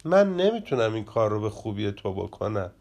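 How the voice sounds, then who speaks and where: A man's voice: fairly low pitch, very animated, vocal fry, a little mellow, dull audio, voice pushed down, full character voice. A man voicing a young animal friend who builds dams, in a children's storybook reading. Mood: earnest.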